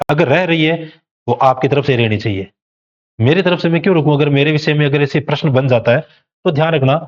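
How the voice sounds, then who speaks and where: A man's voice: on the high side, dull audio. A male teacher giving an exam coaching lecture, explaining step by step and posing rhetorical questions to students.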